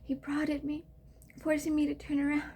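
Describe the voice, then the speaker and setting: A woman's voice: high voice, monotone, normal speed, warm tone, pitched above the performer's own voice. A woman performing a monologue as a young mother, a former child soldier, grieving her baby, tearful and often dropping to a whisper. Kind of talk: dramatic monologue rehearsal.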